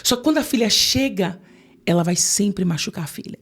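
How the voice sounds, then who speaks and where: A Brazilian woman speaking as a psychologist and pastor in a relaxed interview. Her voice has a gravelly, husky grain, and she acts out the voices of the people in her stories. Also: mid-range voice, a little fast. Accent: Brazilian Portuguese. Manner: tells client stories and acts out their quoted voices.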